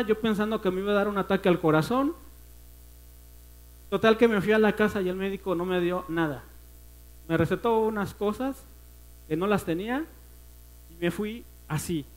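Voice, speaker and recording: A man with a Mexican accent preaching a personal testimony at a church service, earnest and emotional, often dropping to a hush. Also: sits high, poor audio. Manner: earnest, emotional storytelling that often sinks to a hushed voice.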